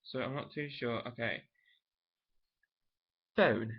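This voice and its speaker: A young man chatting casually to his camera, wandering from thought to thought and restarting his sentences as he goes. His voice sits at an ordinary middle pitch, and the recording has a dull, lo-fi home sound. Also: slow, slightly rough. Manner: rambling, thinking aloud with many restarts. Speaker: vlogger. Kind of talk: casual vlog chat.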